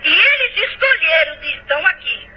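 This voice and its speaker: Extremely high-pitched and sing-song, at a moderate pace, a Brazilian Portuguese-accented woman gives an emotional testimony sermon. She is fervent and at times in tears, repeating lines and addressing the brothers. The audio is dull and lo-fi.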